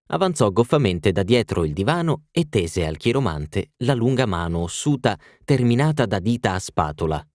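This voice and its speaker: An expressive male audiobook narrator reading classic fiction. His voice sits low but moves widely in pitch. The recording is dry and close. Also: no room sound. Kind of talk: scripted narration.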